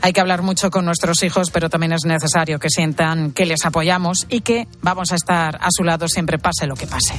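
A woman presenting a radio news feature in a lively, conversational way, her voice sitting on the low side. Soft music runs faintly behind her. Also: a little fast, hardly any pauses.

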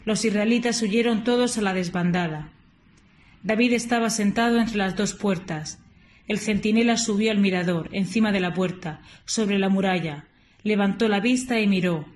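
A woman reading scripture and prayers aloud for a morning liturgy, in a measured, steady way with small slips now and then. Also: medium pitch, a little hiss or hum. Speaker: liturgical reader.

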